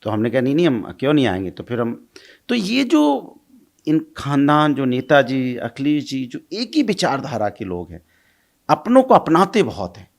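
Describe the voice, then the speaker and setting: A man's voice: medium pitch, moderate pace, creaky. A middle-aged man, telling stories as an interview guest, laughing and acting out quoted lines. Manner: animated, laughs while recounting, acts out quoted lines. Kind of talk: casual storytelling.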